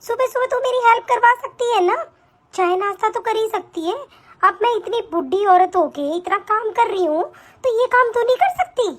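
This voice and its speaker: A woman's voice: very high voice, moderate pace. A woman doing a weary old mother-in-law. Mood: pleading. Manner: pleading, complaining to herself. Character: old mother-in-law, tired and put-upon. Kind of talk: amateur family drama acting.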